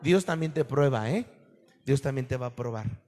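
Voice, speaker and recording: A pastor preaching a sermon to his congregation, animated and full of questions to his listeners. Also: mid-range voice, normal speed, long reverb tail.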